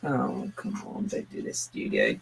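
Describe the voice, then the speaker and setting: A man's voice: mid-range voice, huge pitch swings, measured pace, vocal fry, a little hiss or hum, rough recording. A man rambling casually to his livestream chat while he builds, self-mocking and chuckling often. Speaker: livestream host building with bricks.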